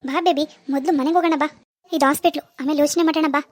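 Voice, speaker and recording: A woman's voice: high-pitched, fairly even intonation, rapid-fire, no room sound, clean studio sound, close to an everyday voice. A woman voicing a rich, haughty mother in a cartoon, talking in a scornful, dismissive way. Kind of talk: Kannada cartoon drama voicing.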